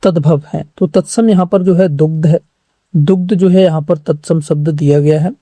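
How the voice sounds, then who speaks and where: Dark-voiced, drilling exam-prep teacher. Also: male voice, fairly high pitch, steady tone, dry recording. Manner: repeats each question and answer as a drill, urging viewers to respond quickly. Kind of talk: online exam-prep lesson.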